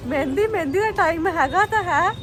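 A woman's voice: extremely high pitch, lively intonation, fairly quick, a crowd in the background. A woman vlogging casually about family errands, dramatic and exclaiming like an exasperated aunt. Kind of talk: casual family vlog chat in everyday Punjabi. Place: out and about in a market town, shops.

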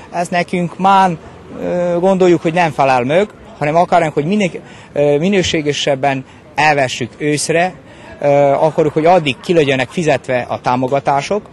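A man, a protesting farmer talking in a street interview with many fillers and pauses. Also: on the high side. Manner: halting, dialectal speech with many fillers.

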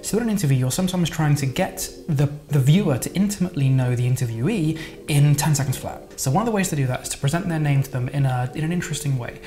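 A man walking through video editing steps in a casual, chatty tutorial, relaxed and loose with his wording. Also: on the high side, fast talker, over music. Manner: chatty, relaxed, with fillers and laughs. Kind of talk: casual screen-recorded tutorial.

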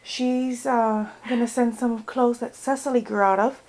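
A woman's voice: a little high, steady tone, measured pace, darkish tone, low-quality recording. A young American woman chatting casually in a vlog, rambling with lots of fillers. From United States. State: out of breath. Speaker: vlogger.

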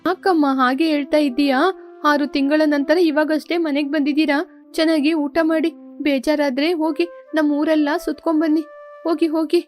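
A caring village mother gently coaxes her grown daughters in a high, soothing voice. A woman plays her in a storybook tale with soft music behind. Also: flat delivery, normal speed, lightly acted. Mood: coaxing. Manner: soothing, coaxing. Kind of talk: storybook character voice.

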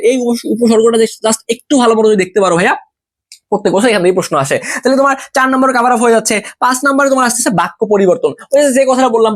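A young man from Bangladesh tutoring exam students, talking fast and repeating key points as he walks them through a plan. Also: extremely high pitch. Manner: rapid, repetitive, addresses students as brother. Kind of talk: fast exam-prep lesson.

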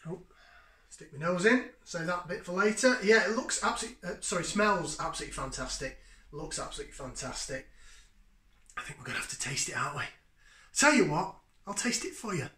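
In his echoey home kitchen, a man in his thirties gives a casual beer tasting review, sniffing and sipping with chatty enthusiasm. His voice is high-pitched, animated, brisk, pushed and bright, captured by a fixed camera at table distance.

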